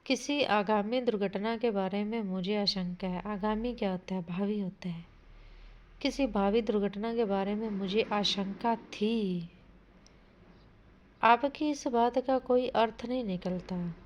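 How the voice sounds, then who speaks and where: A woman's voice: mid-range voice, a little mellow, slight background noise. A woman teaching an exam-prep grammar lesson. She reads out sentences, asks what a word means, corrects it, and calls her listeners "bhai". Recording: dull lo-fi audio.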